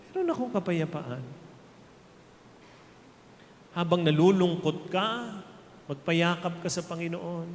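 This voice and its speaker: A man with a Filipino accent preaching a sermon, speaking slowly and emphatically and mixing in jokes for his congregation. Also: a little high. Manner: slow, emphatic preaching that mixes Tagalog and English, with jokes to the crowd. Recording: reverberant hall, faint ambient noise.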